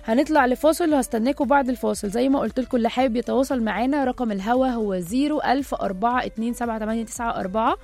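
A woman's voice: a little high, rapid-fire, hardly any pauses, darkish tone, faint music behind. A woman with an Egyptian accent hosting a radio talk show, chatting directly to her listeners. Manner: chatty, talking straight to listeners.

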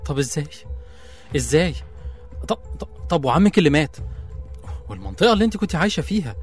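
A man's voice: a little high, very animated, fast, husky, faint music behind. A man with an Egyptian accent playing a young businessman who stammers in disbelief. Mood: shocked. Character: shocked young businessman betrayed by colleagues. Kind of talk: radio drama acting.

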